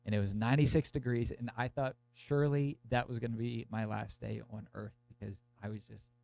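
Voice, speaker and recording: A young man kicks off a podcast episode with a loose, meandering monologue littered with "like", sounding congested from a cold with a blocked nose and sore throat. He has a mid-range, mellow voice with vocal fry, fairly even intonation and a slightly fast pace.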